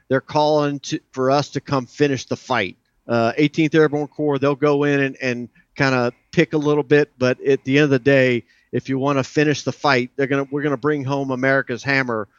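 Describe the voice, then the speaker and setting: A man's voice: mid-range voice, no room sound, dull audio. A middle-aged man from south Louisiana, a senior soldier answering interview questions in a proud, plain-spoken, gung-ho way. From south Louisiana, United States. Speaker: army command sergeant major, guest.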